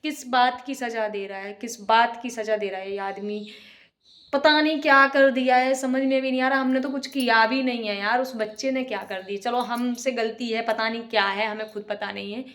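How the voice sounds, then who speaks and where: A woman's voice: fairly high pitch, fairly even intonation, moderate pace. Emotional Hindi-speaking woman vlogging at home. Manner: emotional, venting, often quiet and subdued. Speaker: vlogger, single mother. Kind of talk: casual vlog monologue. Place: home kitchen.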